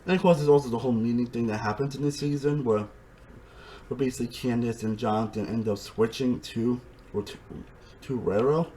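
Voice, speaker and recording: A man giving a casual, rambling review monologue, excitable, with frequent restarts and swearing. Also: medium pitch, a little fast, slight background noise, rough recording. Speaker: reality TV reviewer.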